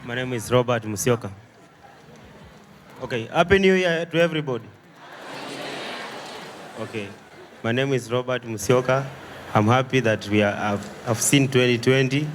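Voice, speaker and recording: Deep-voiced Kenyan man. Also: normal speed, long pauses, background noise. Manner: deep bass voice, brief formal greeting. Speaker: audience member.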